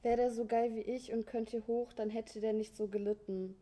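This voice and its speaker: A woman's voice: on the high side, steady tone, normal speed, mellow, lightly acted. A woman voicing a boastful, laid-back cat talking in street slang.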